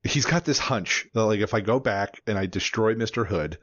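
A man with a low voice co-hosts a casual book podcast and rambles, filling his talk with "you know" and "like". His mic sounds slightly dull and dry, with no room sound. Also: animated, moderate pace, a bit bright, no echo. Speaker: podcast co-host.

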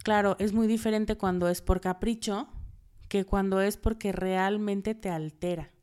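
Smooth-voiced Mexican woman giving advice. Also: medium pitch, fairly even intonation, measured pace, darkish tone. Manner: direct, conversational, gives numbered tips. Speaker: podcast host. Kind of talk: advice podcast monologue.

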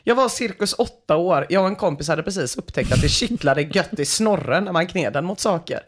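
Podcast host reading listener stories, dramatic, goes quiet then loud. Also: medium pitch, expressive. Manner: dramatic reading, swinging between loud and hushed. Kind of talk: reading listener stories aloud, casual chat.

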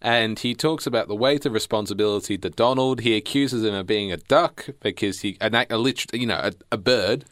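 A man's voice: fairly low pitch, a little fast, few pauses, fairly bright tone, no echo, studio quality. A young man co-hosting a podcast, chatting casually, laughing often and tripping over his words. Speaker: podcast co-host. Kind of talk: casual chat.

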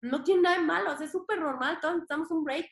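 A woman's voice: extremely high pitch, racing, vocal fry. A young woman with a Mexican accent, a podcast guest talking casually and emphatically, with slang and the odd swear word. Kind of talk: casual interview talk. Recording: roomy echo.

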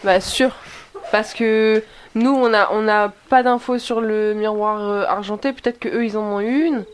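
Calm woman at a tabletop game. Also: mid-range voice, normal speed, clean tone. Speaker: player. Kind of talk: casual chat during a tabletop game.

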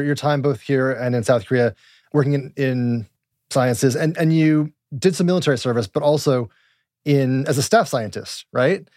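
A man's voice: mid-range voice, a little mellow, no room sound, clean studio sound. A man hosting a podcast, introducing a guest and asking upbeat interview questions. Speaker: podcast host.

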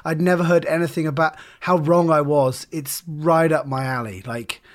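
A man co-hosting a casual podcast, chatting fast and laughing, then reading a story aloud. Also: a little high, steady tone. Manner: laughs often, quick and chatty.

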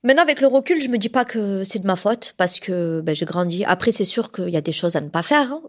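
Fast-talking woman telling a personal story. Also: mid-range voice. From southern France. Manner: lively, full of fillers, acts out the voices of people in her story. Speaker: storyteller recounting a past relationship.

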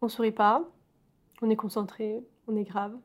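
A woman's voice: a little high, level tone, moderate pace. A woman co-hosting a casual podcast, giggly and self-deprecating. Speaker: podcast co-host.

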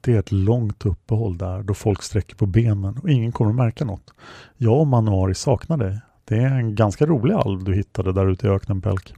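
A man voicing a young servant woman in whispered role-play, hushed and confiding. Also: lowish voice, vocal fry, husky, no room sound.

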